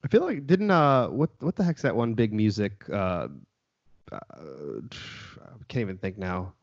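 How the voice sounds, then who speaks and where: A man's voice: on the low side, animated, measured pace. A man hosting a podcast in casual chat, laid-back and swearing casually. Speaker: podcast host. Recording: dull lo-fi podcast audio.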